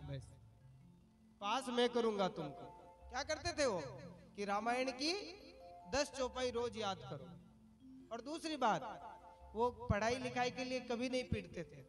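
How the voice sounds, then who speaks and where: A man preaching a devotional story sermon to a gathered audience, often putting questions to the listeners in a chatty storytelling way. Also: extremely high pitch. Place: religious gathering before an audience.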